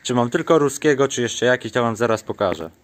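A man's voice: mid-range voice, lively intonation, brisk, no room sound. A man vlogging outdoors on a small farm, chatting casually to the camera and coaxing his animals in a sing-song voice.

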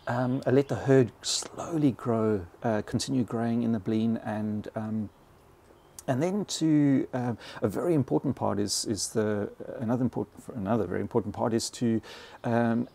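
Dark in tone with noticeable vocal fry, a mid-range male voice moves at normal speed. It belongs to a South African bison ranger in his fifties, a podcast guest in a small log cabin who is hesitant and repeats words often. He's recorded on a close boom-arm podcast mic.

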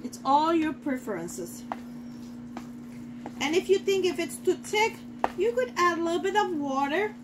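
Chatty high-voiced woman demonstrating cooking. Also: big pitch swings, measured pace, pauses often, noisy background. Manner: chatty, talks to viewers while cooking. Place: home kitchen, indoors. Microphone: fixed camera in front of the counter.

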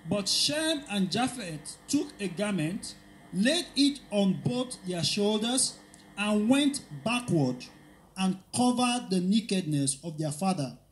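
A man reading Bible verses aloud during a sermon, steady and careful, calling out each verse number. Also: high-pitched, slow pace, a little hiss or hum, low-quality recording. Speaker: scripture reader.

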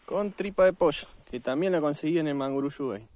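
A fishing vlogger with an Argentine accent narrates casually outdoors on a riverbank, chatting informally with his viewers. His voice is on the high side and brisk, with a darkish tone.

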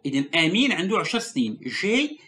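A woman with a Moroccan accent teaching French to a child, patient, asking questions and repeating sounds slowly. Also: on the low side, big pitch swings, a bit bright. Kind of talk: bilingual language lesson with a child.

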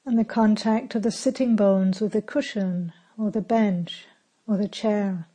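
In a mid-range voice, a female meditation teacher leads a guided meditation. Her manner is calm, gentle and unhurried, and she leaves long pauses between phrases.

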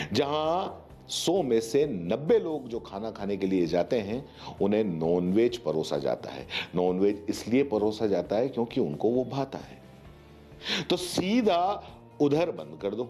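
Wearing a lapel mic, a man from India in his forties offers opinionated news commentary with emphasis, frequently asking rhetorical questions. He has a warm, medium-pitched voice.

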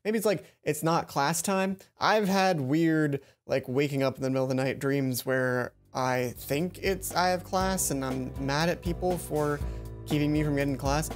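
A man hosts a let's play, chatting casually into a headset from a room at home while game music plays behind him. His voice is fairly high and his speed normal.

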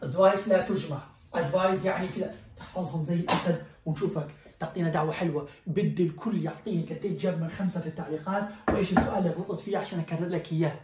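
A man teaching an English lesson in a classroom, quizzing his students in a lively way. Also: fairly high pitch, rapid-fire, hardly any pauses, background noise. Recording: roomy, distant mic.

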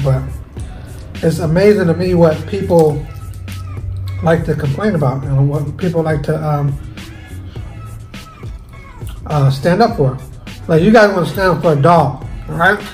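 Male cooking host, casual eat-and-talk vlog, voice on the high side, soft music bed. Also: poor audio. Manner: chatty, talks while eating. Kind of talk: casual mukbang chat.

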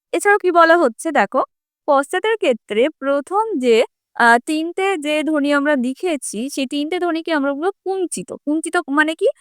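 A woman's voice: sits high, no echo, clean studio sound. A woman teacher with a West Bengal Bengali accent explains a grammar lesson step by step, asking questions and answering them herself. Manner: asks and answers her own questions, spells out sounds.

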